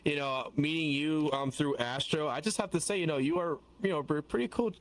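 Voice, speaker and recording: A man's voice: on the high side, brisk. A man co-hosting a casual chat, rambling with many fillers. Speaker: co-host.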